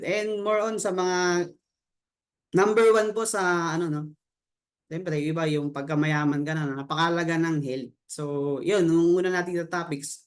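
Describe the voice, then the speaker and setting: A man giving a casual sales presentation, mixing English terms into his talk and tacking questions onto his sentences. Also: on the high side. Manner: peppers talk with tag questions, mixes English terms into Tagalog; loose, halting delivery with restarts and fillers. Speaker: business opportunity presenter.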